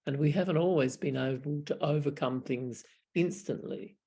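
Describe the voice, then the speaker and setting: Speaking at normal speed in a slightly high, dark-toned and slightly rough voice, an elderly Australian Buddhist monk shares stories wryly and reflectively. He's chatting casually on a video call through a webcam from a small room in his home, chuckling and restarting often.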